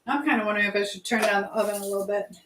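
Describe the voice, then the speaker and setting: Talking rapid-fire in a mid-range voice, a woman rambles and thinks aloud during a casual baking livestream from her home kitchen. Clicks and background noise are clearly audible.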